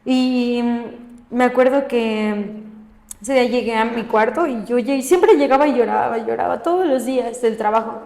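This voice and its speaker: A woman's voice: fairly high pitch, moderate pace, darkish tone. A woman sharing her personal faith testimony in a podcast conversation, often ending phrases with a questioning tag. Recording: echoey room with long reverb.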